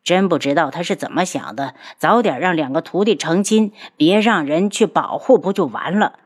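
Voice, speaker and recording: A playful, lovesick young man from a storybook, speaking low and familiar, as a woman narrator puts him on. His tone stays teasing and fond. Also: animated, moderate pace.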